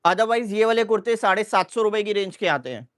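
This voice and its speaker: A man hosting a live shopping sale, briskly listing sizes and prices over and over. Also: sits high, lively intonation, fairly bright tone. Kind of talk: live sales pitch.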